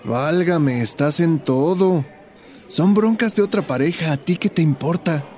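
A man's voice: a little high, measured pace, darkish tone, faint music behind. A man with a Mexican accent, talking in an easygoing way in a scripted dialogue. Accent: Mexican Spanish. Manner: easygoing, conversational. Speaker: character Roberto in a teaching dialogue.

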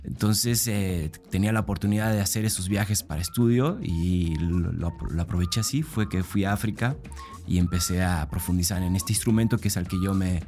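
A middle-aged man, a musician being interviewed in a radio studio. His voice is fairly low, and he talks in a relaxed, thoughtful way with some hesitation. Faint music plays in the background. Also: brisk. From Argentina, raised in Mexico. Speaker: musician guest. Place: radio booth. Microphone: studio microphone.

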